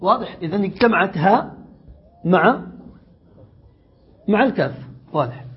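A man's voice: high voice, expressive, husky, dull audio. A man teaching an Arabic grammar lesson to a class, stretching out his words and often checking whether the students follow. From Yemen. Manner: questions the students, drawn-out words.

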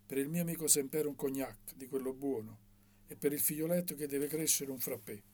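Pompous old bookseller guy, theatrical and mocking, husky voice, a narrator doing him. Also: mid-range voice, a little fast, warm tone, lightly acted. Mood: blustering, mocking. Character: pompous, sharp-tongued older male bookseller.

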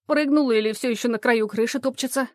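A woman's voice: on the high side, a little fast, no echo, studio quality, lightly acted. A woman reading the lines of a bustling man who perks up eagerly, in an audiobook. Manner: perked-up, lively.

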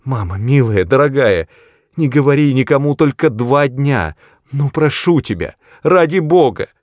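A man's voice: normal speed, darkish tone, no echo, clean studio sound, natural voice. A man voicing a desperate teenage girl who begs her mother, in a raised, tearful voice. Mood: pleading. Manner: high tearful begging voice.

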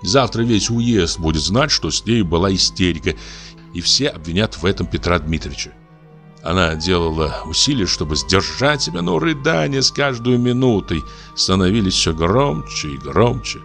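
Man reading a story audiobook, lowish voice, steady and expressive, a bit of music behind. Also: normal speed. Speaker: audiobook reader. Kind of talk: literary audiobook narration.

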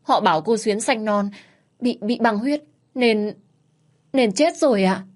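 A woman's voice: medium pitch, expressive, moderate pace, a little mellow, natural voice. A woman voicing a panicked young male servant who stammers out bad news. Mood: sobbing. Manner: stammering, frantic.

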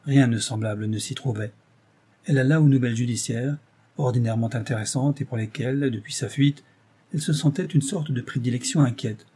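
Dark husky male audiobook narrator. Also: medium pitch. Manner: measured, even storytelling. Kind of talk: scripted narration of a novel.

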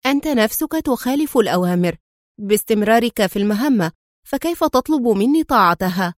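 A woman voicing a soft-spoken young woman spy. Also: fairly high pitch, lively intonation, a little fast, no room sound, clean studio sound, lightly acted. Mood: gentle. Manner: soft and gentle.

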